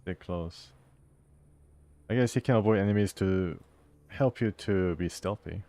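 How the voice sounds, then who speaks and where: Low-voiced guy playing a game, chatty and amused, reads the text out, close mic. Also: normal speed, dark tone. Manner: chatty, amused, thinks aloud with fillers and laughs. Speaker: gameplay host. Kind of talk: casual gameplay commentary, reading game text aloud.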